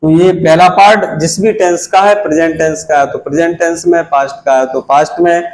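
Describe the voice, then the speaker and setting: A man's voice: a little high, steady tone, fairly quick, darkish tone, rough recording. A man teaching an English grammar lesson, explaining step by step and repeating key phrases as he points to the board. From India.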